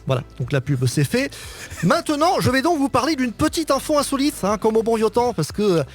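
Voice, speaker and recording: A man's voice: very high-pitched, very animated, brisk, faint music behind. A man presenting a comic news segment on a radio show. He talks in a playful, joking way and keeps dropping a casual "hein" into his sentences. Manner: playful, jokey, peppers talk with "hein". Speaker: radio columnist. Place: radio studio.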